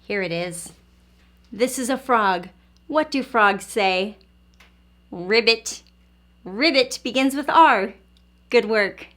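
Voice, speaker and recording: With a fairly high pitch and a fairly bright tone, a woman runs an early learning session and reads a storybook to small children. She's encouraging and simple in her wording, asking questions and then pausing so the kids can respond.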